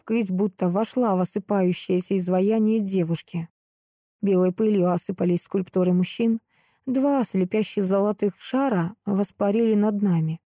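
A woman reads a first-person fantasy audiobook with expressive storytelling. Her voice is dark, mellow and warm. The recording is dry and close, with no room sound. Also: mid-range voice, no room sound. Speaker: audiobook narrator.

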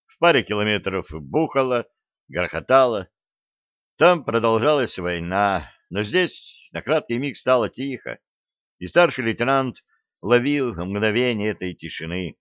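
A man narrating an audiobook in a measured storytelling manner. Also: lowish voice, expressive, fairly bright tone, dry recording, lo-fi sound.

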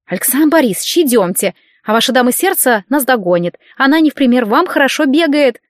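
A woman's voice: high voice, animated, brisk, no echo, studio quality, voice pushed up. A woman reading an audiobook, voicing a fussy nurse who scolds with a wry, mocking edge. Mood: fussing. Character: fussing, wry rehab-center nurse, woman.

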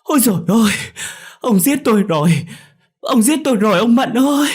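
Man doing a wailing village mother, shrill, husky, pleading. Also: expressive, a little fast. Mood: desperate.

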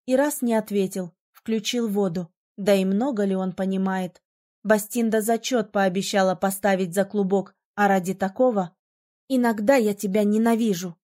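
Mellow-voiced woman reading a novel aloud. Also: medium pitch, steady tone, normal speed. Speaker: audiobook narrator. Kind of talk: scripted first-person narration.

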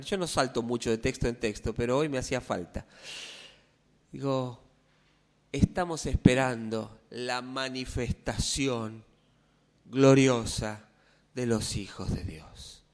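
A male pastor giving a conversational sermon, asking the congregation questions as he goes. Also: medium pitch. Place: church.

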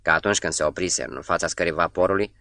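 A man reading a novel aloud as an audiobook narrator, in a measured, steady delivery. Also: sits low, no echo, studio quality.

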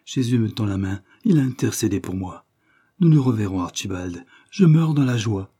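A man's voice: lowish voice, animated, moderate pace, dark tone, husky. A man voicing a dying young noblewoman, remorseful and devout, with a tremulous, pleading delivery in an audiobook reading. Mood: feverish joy.

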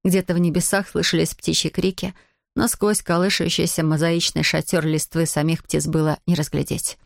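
A woman narrating an audiobook in an even, measured storytelling manner. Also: deep voice, gravelly, dry recording, studio quality.

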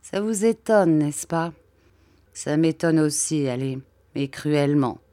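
A shy, heartbroken middle-aged painter, put on by a woman reading a story aloud, pleading and running himself down in a plaintive, unhurried voice. The tone is mellow and low, with a dry, close sound. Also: animated, no echo. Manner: plaintive, self-deprecating pleading.

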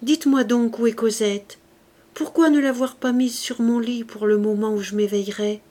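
A woman voicing a frail, feverish young mother who longs to see her child, speaking higher and with eager fervor. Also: steady tone, normal speed, warm tone, natural voice. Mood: fervent. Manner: raised, eager, fervent delivery.

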